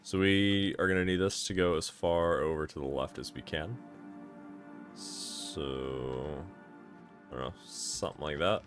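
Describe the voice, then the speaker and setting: A man's voice: rumbling low, unhurried, over music. A man giving casual gameplay commentary, thinking aloud and correcting himself as he plans, sounding tired and yawning at times. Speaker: gameplay streamer.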